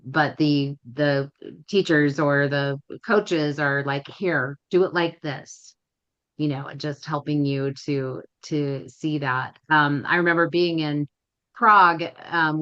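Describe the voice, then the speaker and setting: Low-voiced woman hosting a chat, lo-fi sound. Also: a bit bright, smooth. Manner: rambling storyteller with many restarts. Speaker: host. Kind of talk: casual podcast chat.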